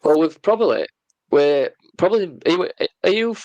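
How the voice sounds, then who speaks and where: A man's voice: on the high side, lively intonation, moderate pace, a little mellow, dry recording, muffled recording. A man from England, a regular co-host on a casual podcast, chatty and curious, often laughing.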